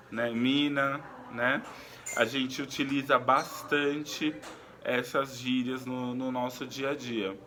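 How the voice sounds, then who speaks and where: A man teaching a recorded lesson in an unhurried, explaining way, pausing often with fillers and restarts. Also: medium pitch, sharp tone, slight background noise.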